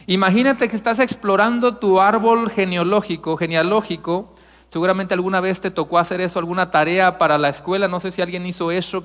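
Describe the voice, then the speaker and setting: A man's voice: high voice, fairly bright tone, long reverb tail. A man from Mexico preaching a conversational sermon as pastor, addressing the congregation as brothers. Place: church sanctuary.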